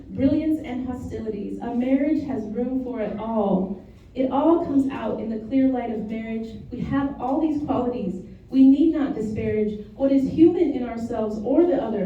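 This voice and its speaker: A woman officiating a wedding, reading a rhyming homily in a measured, rhythmic way. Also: high voice, slight background noise. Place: wedding venue. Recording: roomy, distant, dull lo-fi sound.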